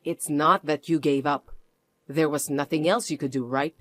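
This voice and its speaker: A firm, protective mother, as a reader plays her, speaking low, cold and quiet with clear contempt. The storybook recording is dry and close. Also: fairly even intonation, normal speed, no echo. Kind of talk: scripted story narration.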